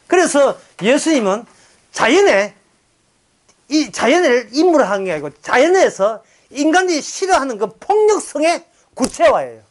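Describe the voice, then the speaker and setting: A male pastor with a Gyeongsang Korean accent giving an animated Bible lecture, acting out quoted voices and chuckling. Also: very high voice, normal speed.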